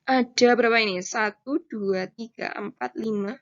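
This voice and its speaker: A woman English teacher with an Indonesian accent, giving a recorded online lesson, reading English phrases slowly and then explaining them in Indonesian. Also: fairly high pitch, muffled recording.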